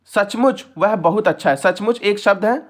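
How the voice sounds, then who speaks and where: A man's voice: high-pitched, normal speed. A young man teaching an exam-prep lesson, explaining step by step and often checking in with his students.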